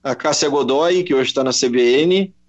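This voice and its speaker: A Brazilian sports journalist, a man, telling an animated anecdote in a casual interview, quoting voices along the way. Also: medium pitch, moderate pace. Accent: Brazilian Portuguese. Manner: animated anecdote with quoted voices, many restarts. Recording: slightly dull lo-fi audio.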